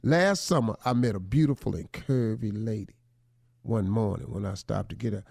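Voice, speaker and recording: A man's voice: lowish voice, normal speed, creaky, darkish tone, no echo, clean studio sound. A man co-hosting a comic advice talk segment, teasing the letter writer and acting out his lines. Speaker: radio show co-host giving advice. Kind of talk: comic relationship advice chat.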